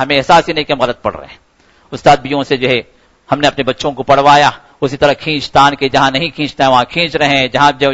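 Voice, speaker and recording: A man's voice: mid-range voice, fairly bright tone, low-quality recording. A man giving a Ramadan sermon, earnest and repetitive, his voice rising sharply for emphasis. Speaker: preacher.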